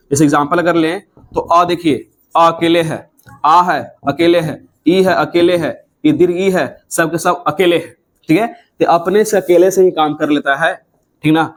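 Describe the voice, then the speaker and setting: A man teaching a grammar lesson, repeating points and drilling students with questions. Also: on the high side. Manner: repetitive, drilling questions and answers.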